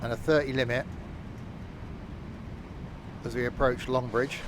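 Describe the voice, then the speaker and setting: A man in the middle of his range, talking loosely and sarcastically as he streams a train game. Faint engine and track sounds sit quietly behind his voice. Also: medium pitch, fairly even intonation, a little slow, noisy background. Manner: chatty, self-mocking sarcastic asides. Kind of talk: live game stream commentary.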